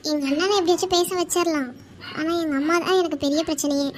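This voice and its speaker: A woman voicing a young woman in love in a cartoon, who speaks softly and hesitantly. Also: sits high, fairly even intonation, fast, slight background noise, natural voice. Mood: worried. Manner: soft, hesitant speech. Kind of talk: cartoon voice acting.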